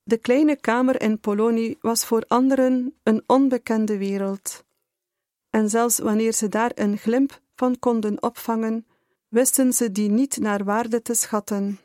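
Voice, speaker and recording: A woman reading a memoir aloud in a measured, deliberate way. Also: fairly high pitch, steady tone, dark tone, no room sound, studio quality. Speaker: reader.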